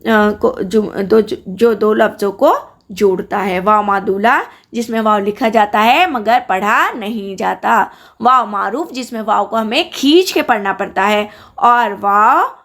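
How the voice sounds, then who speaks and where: A woman teaching a grammar lesson, slowly pronouncing example words with careful stress and repeating them. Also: medium pitch, fairly bright tone.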